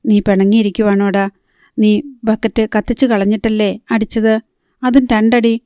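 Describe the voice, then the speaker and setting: A woman's voice: medium pitch, flat delivery, normal speed, clear, resonant tone, dry recording, studio quality, natural voice. Woman voicing a stern old grandmother. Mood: coaxing. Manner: scolding, sharp questioning.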